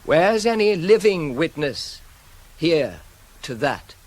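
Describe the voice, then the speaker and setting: An actor portrays a proud, self-controlled young prince wronged by his father, using a formal, measured, declamatory classical-tragedy style for radio. The heavily acted voice is a little high, sing-song and darkish, carrying a solemn, pleading mood.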